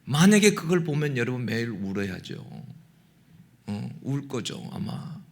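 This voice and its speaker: A man's voice: mid-range voice, sing-song, a little slow, creaky. Emphatic male pastor preaching a sermon. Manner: emphatic, prodding the congregation with rhetorical "예?" and "응?"; swings between loud exclamation and hushed intensity. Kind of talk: Sunday sermon.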